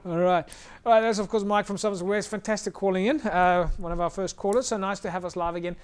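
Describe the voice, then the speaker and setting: High, clear-voiced South African male rugby host. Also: steady tone, fast talker. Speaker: host of a live rugby TV call-in show. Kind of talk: casual sports show presenting.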